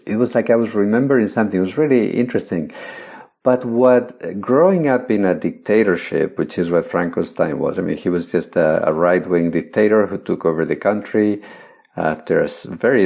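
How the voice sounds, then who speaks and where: A man's voice: fairly low pitch, vocal fry, dark tone. An older man from Spain, a guest speaking reflectively on a podcast over a video call. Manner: reflective, thoughtful, laughs lightly. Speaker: guest, meditation teacher.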